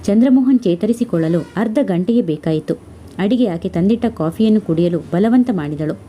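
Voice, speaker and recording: A woman reading a story aloud in a steady, measured way. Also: mid-range voice, slight background noise. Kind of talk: scripted story narration.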